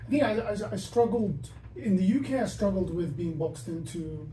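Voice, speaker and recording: A young man who is not a native Dutch speaker hosts a podcast, thinking out loud in a casual discussion, speaking in bursts with many restarts. His high-pitched voice has a dark tone, lively intonation and normal speed. The recording sounds echoey, with the mic some distance away and faint noise.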